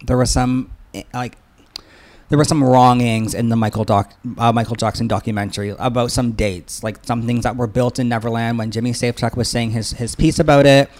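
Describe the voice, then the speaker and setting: A man's voice: medium pitch, steady tone, fairly quick, darkish tone. A man with a lisp and slushy, whistling s sounds, talking casually and earnestly as a podcast co-host. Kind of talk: casual, rambling discussion.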